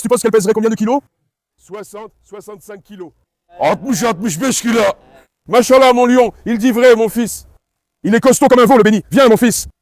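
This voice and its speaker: A man's voice: high voice, darkish tone, dry recording, studio quality. A man hosting a dog vlog, coaxing his dogs and instructing a helper in a casual, repetitive way, outdoors. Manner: coaxing, instructive, repeats himself. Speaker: dog channel host. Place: outdoors at an industrial site.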